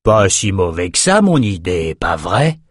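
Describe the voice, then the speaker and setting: A man's voice: low voice, big pitch swings, a little slow, slightly rough, no room sound, clean studio sound, heavily acted. A man reading an audiobook, voicing a proud, protective old male wizard with urgent, commanding outbursts. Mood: smug. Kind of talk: audiobook character voice.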